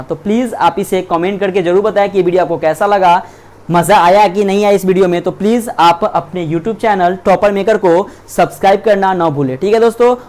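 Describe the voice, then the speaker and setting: A young man with a high-pitched voice leads an online grammar lesson. He reads verb forms aloud in lists, repeating words, correcting his own slips and checking in with his listeners. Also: a little mellow. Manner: keeps checking in with "theek hai". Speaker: English grammar teacher.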